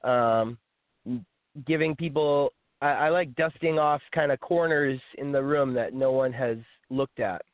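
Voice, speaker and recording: A man's voice: mid-range voice, measured pace, dry recording. A young man talking frankly as an author and guest in a casual interview, with the odd small laugh. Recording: dry, phone-like line.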